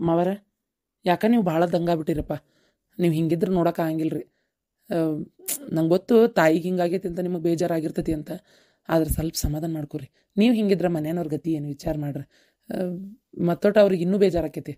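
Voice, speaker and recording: A woman voicing caring village relatives in a cartoon, with a North Karnataka Kannada accent and a brisk, reassuring manner. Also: low voice, fairly even intonation, warm tone. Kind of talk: cartoon voice acting.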